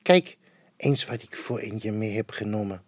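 A man's voice: medium pitch, moderate pace, dry recording, voice pushed up, natural voice. A man reading aloud, voicing an eager, earnest little male bear cub in a children's storybook. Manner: earnest, wishful, excited.

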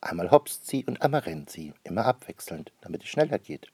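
A man reading a children's storybook aloud, gently expressive. His voice is husky, with an animated, wide-ranging pitch, recorded dry and close to the mic. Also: brisk, no echo. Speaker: narrator.

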